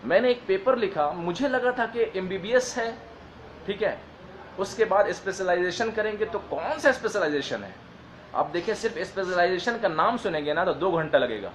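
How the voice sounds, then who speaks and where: Brief: man, fairly high voice, earnest and repetitive, faint background hum, casual advice talk. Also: expressive, rough recording. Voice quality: modest, apologetic about his English. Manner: earnest, repetitive, reads long list slowly. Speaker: advice speaker on careers.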